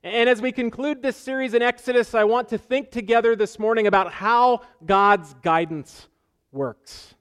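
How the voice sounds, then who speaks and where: A man's voice: high voice, a bit bright, smooth. A man preaching a sermon as pastor, earnest, repeating phrases for emphasis and asking rhetorical questions.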